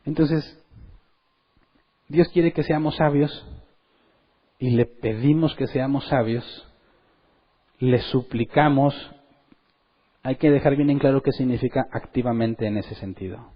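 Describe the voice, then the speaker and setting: A man preaching a sermon in church, lively, and acting out the voices of the people he quotes. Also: medium pitch, measured pace, long pauses, slightly rough, highs cut off. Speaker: pastor.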